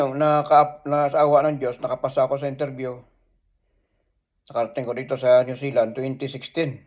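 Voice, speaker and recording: A man earnestly recounting his dreams in casual first-person storytelling, halting and pausing as he goes. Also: a little high, a little mellow. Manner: earnest, halting, many restarts and pauses. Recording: dull lo-fi sound.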